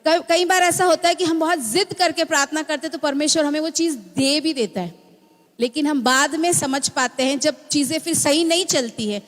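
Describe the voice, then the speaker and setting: High-voiced woman preaching in a church hall. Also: fairly bright tone. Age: young adult to middle-aged, mother of a small child. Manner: teaching, asks the congregation "है ना?" often. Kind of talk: sermon. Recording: long reverb of a church hall.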